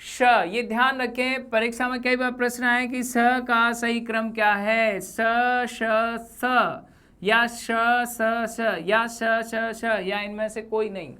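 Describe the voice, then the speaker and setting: A woman teaching Hindi grammar for exam preparation over slides, saying each sound slowly with example words. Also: on the high side, steady tone, bright, forceful tone, smooth. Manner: slow, deliberate, spells out sounds with example words. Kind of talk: exam-prep lesson.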